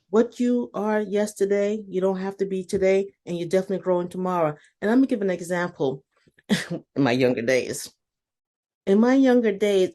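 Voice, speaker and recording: A woman in a casual interview conversation, telling a personal story in an animated, blunt, motivational way and quoting her own self-talk. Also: mid-range voice. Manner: animated storyteller, talks to herself in quotes.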